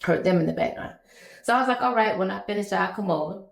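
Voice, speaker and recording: A woman in her thirties, a business owner telling stories in a relaxed, conversational interview chat. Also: medium pitch, fast, gravelly. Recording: echoey room.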